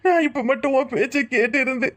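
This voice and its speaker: A fretful cartoon village husband, as a woman puts him on, speaking in a somewhat high, raised voice. He pleads and frets in a southern Tamil village dialect. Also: quick pace, fairly bright tone. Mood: remorseful. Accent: southern Tamil Nadu village dialect. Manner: alarmed, pleading. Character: anxious grown son, village husband. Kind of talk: cartoon voice acting.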